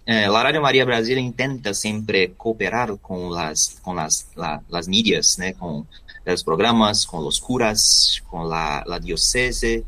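Male interview guest, native Portuguese speaker with Brazilian accent, slightly low pitch, forceful tone, halting delivery. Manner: halting, searching for words, mixing in Portuguese. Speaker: interview guest, volunteer youth radio host. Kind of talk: interview answers.

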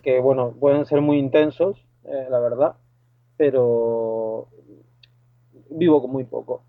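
This guest, an Argentine lifeguard and boat skipper, speaks slowly in a phone interview with an Argentine Spanish accent, faltering with fillers and restarts. His voice is mid-range with fairly even intonation. The line sounds tinny, without any room sound.

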